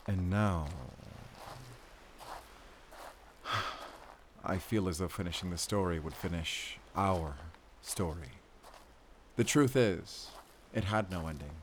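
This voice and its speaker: In an intimate romantic audio roleplay, a male actor voices a weary, devoted werewolf hunter, his low voice halting and sincere, broken by soft sighs. The mood is wistful and nostalgic, and there's noise in the background.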